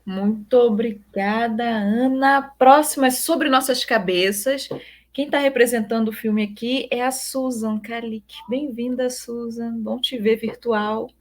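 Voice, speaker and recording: Upbeat higher-voiced woman moderator. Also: fairly even intonation, a little slow. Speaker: panel moderator. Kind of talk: moderating a panel.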